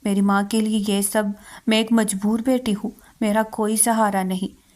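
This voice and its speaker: A woman voicing a desperate, tearful young daughter in a storybook reading, with pleading lines read in an even tone. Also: medium pitch, lightly acted.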